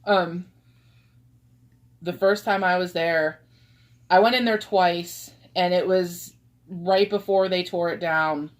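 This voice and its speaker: A woman's voice: fairly low pitch, steady tone, measured pace. A woman co-hosting a live stream about ghost hunting, talking casually with lots of "um" and "like" and frequent laughter. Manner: chatty, laughs often, fillers like "um" and "like". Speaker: paranormal investigator, co-host.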